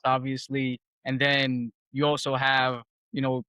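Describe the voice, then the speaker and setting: A man's voice: mid-range voice, completely flat delivery, measured pace, sharp tone, smooth, dry recording. A man hosting his podcast, asking questions in a laid-back, slangy way, full of "like" and "kinda". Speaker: podcast host. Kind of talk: casual interview conversation.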